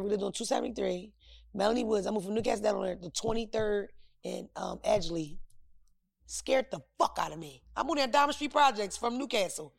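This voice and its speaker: A brash woman from North hosts a podcast, talking. Her voice carries a gravelly fry, and she swears freely and laughs often. The sound is close and dry, with no room around it. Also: medium pitch, no room sound. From North Philadelphia. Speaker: podcast host. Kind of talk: casual chat.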